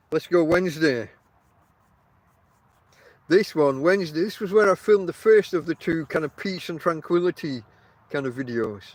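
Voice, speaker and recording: A middle-aged man with toothless, lips-over-teeth articulation, chatting casually and wryly on a podcast in a self-deprecating way. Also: on the high side. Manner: self-deprecating, wry banter. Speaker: podcast host. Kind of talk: casual rambling podcast talk.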